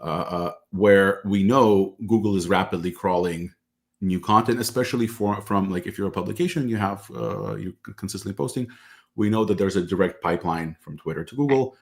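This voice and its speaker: A man hosting an interview show over a video call, casually recapping his guest's points with plenty of fillers. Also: on the low side. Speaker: podcast host.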